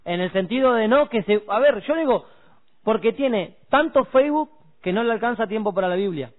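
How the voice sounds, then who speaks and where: A man's voice: sits high, animated, a little fast. A man, talking about faith on a radio show in a preachy, emphatic way and using homely examples. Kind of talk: casual devotional radio chat. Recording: tinny phone-like radio audio.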